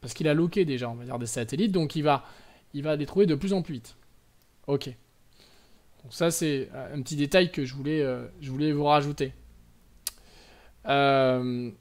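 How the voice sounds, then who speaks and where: A man's voice: on the high side, normal speed, long pauses. Chatty French man explaining drone settings. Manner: chatty, many fillers and self-corrections. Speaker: drone tutorial host. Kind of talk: casual screen-recorded tutorial. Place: indoors at home.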